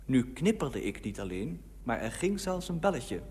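A man reading his own comic first-person story, lively, acting out the people he quotes. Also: mid-range voice, moderate pace. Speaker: humorous columnist reading his own piece. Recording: old radio recording with long reverb and faint hiss.

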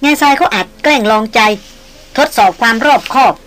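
A bold, teasing young woman, voiced by a woman reading the novel aloud. She speaks frankly and briskly in a fairly high voice. Audiobook character work, close to the reader's own voice. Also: fairly bright tone, lightly acted.

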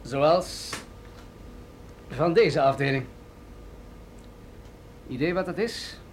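In a radio drama, an actor plays an authoritative military general, explaining matters in a grave, deliberate, businesslike way. His voice sits a little high, with slight background noise.

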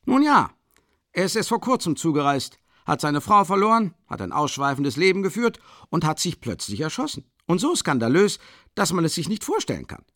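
A man's voice: on the high side, sing-song, brisk, a bit bright, no room sound, clean studio sound, voice pushed up. A man voicing a pompous, talkative middle-aged police official in an audiobook, chatty and indignant. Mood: gossiping. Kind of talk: audiobook character reading.

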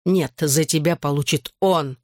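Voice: mid-range voice, a little slow, dry recording, clean studio sound, close to an everyday voice. An audiobook reader voicing a hot-tempered teenage boy who speaks curtly, with a snarl. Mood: angry. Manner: curt, snarling.

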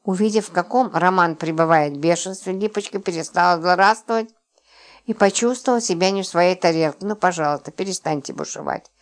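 A woman reading a comic novel aloud in expressive scripted narration. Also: fairly low pitch, a little fast. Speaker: audiobook narrator.

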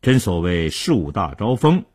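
A man telling a crime story on radio in a dramatic, animated storytelling style. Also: sits low, normal speed.

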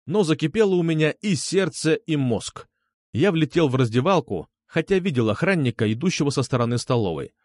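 A man narrating a story in the first person with a lively, expressive delivery. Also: on the high side, brisk, no room sound, clean studio sound. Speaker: audiobook narrator.

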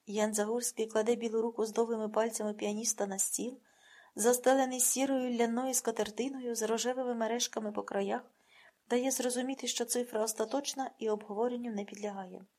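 Woman reading an audiobook, slightly high voice, soft, goes near-whisper sometimes. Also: fairly even intonation, brisk. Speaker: audiobook narrator. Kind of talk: scripted narration.

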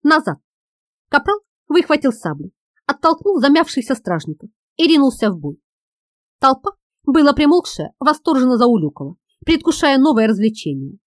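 A woman narrating an audiobook in a lively, expressive reading. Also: high-pitched, normal speed, no echo, clean studio sound.

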